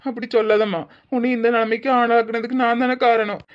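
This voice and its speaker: A woman's voice: a little high, level tone, a little fast, natural voice. A woman voicing a young husband in a cartoon, emotional and apologetic, with a Tirunelveli Tamil accent. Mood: tearful pleading. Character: young husband Muthu, proud then remorseful. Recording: muffled lo-fi audio.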